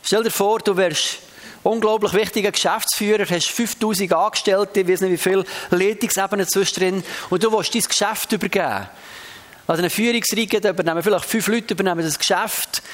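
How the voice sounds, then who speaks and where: A man with a high voice preaches a sermon, reading scripture aloud with shifting emphasis and speaking conversationally to the congregation.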